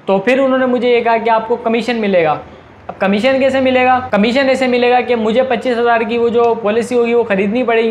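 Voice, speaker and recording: A man's voice: very high-pitched, slight background noise. A man with a Pakistani Urdu accent arguing a point in a casual video monologue, asking questions and answering them himself. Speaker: video commentator. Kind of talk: argumentative monologue.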